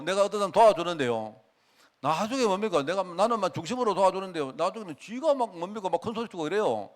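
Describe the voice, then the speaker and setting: Animated male pastor preaching. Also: high voice. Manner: folksy, animated preaching with rhetorical questions. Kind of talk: sermon. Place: church sanctuary.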